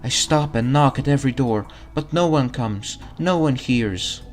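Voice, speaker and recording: A man's voice: medium pitch, unhurried, faint music behind, pitched above the performer's own voice, lightly acted. A man voicing an anguished, lost female ghost from a video game, wailing and melodramatic. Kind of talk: reading video game dialogue aloud.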